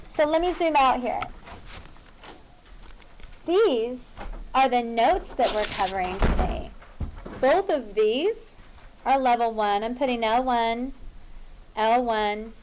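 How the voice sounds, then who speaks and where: High-voiced woman teaching a class. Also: a little mellow, slight background noise, rough recording. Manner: informal, directive, checking students follow along. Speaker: math teacher. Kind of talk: teacher talking to a class, working through examples.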